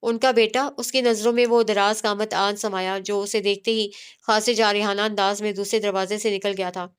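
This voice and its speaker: A woman reading aloud a romance novel, narrating in a steady storytelling manner. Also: medium pitch, smooth.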